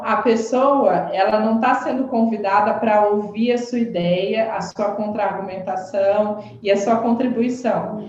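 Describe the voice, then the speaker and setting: A woman explaining communication habits in conversation, animated and tagging her sentences with questions. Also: on the high side. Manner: animated, frequent "né?" tags. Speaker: communication expert guest. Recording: very echoey dull-sounding room.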